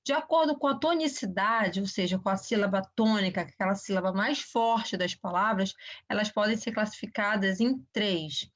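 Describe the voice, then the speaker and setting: A woman's voice: mid-range voice, normal speed. A woman teacher giving a recorded grammar lesson, explaining step by step and often checking in with short questions. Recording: dull lo-fi recording.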